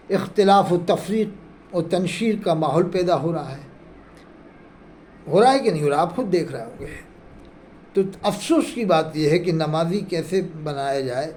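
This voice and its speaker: A man's voice: a little high, darkish tone, slight background noise. A man giving a religious lecture as a preacher, earnest and reproachful, asking his listeners rhetorical questions. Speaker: Islamic preacher. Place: India.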